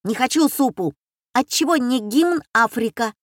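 A woman's voice: medium pitch, expressive, no room sound, studio quality, pitched above the performer's own voice, lightly acted. A woman voicing a cheeky schoolboy who pesters the family with pun questions. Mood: pestering. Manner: insistent, rapid-fire questioning.

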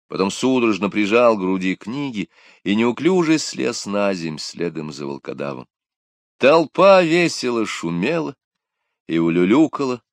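A man narrates an adventure tale with measured, expressive pacing. His voice sits very low and deep. The recording is dry and close, with no room sound at all. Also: no room sound. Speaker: audiobook narrator. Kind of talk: scripted narration.

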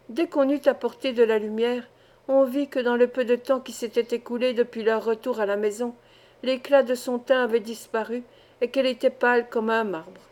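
Woman audiobook narrator, slightly high voice, measured literary reading. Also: a little mellow. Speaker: audiobook reader. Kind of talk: audiobook narration of a classic novel.

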